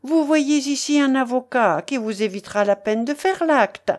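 A woman voicing a domineering male pirate, loud, commanding and boisterous. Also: high-pitched, normal speed, pitched above the performer's own voice, lightly acted. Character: domineering male pirate count, thundering and jovial.

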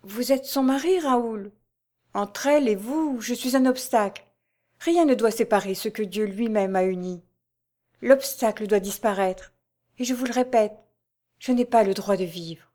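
A woman's voice: on the high side, measured pace, lightly acted. Woman voicing a sorrowful young woman. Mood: mournful. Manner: soft, mournful. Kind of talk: audiobook character voice.

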